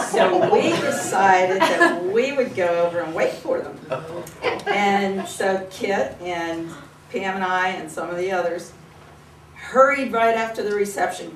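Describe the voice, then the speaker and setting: An older woman giving an informal eulogy, telling fond personal stories in a conversational way. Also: lowish voice. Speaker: eulogy speaker at a memorial service. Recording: echoey, distant mic with room noise.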